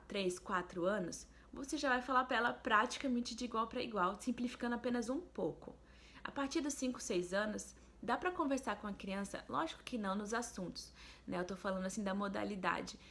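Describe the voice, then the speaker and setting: A woman, a speech therapist, giving clear instructional advice to parents in a video. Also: medium pitch, expressive, brisk, fairly bright tone. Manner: clear, explanatory, demonstrative.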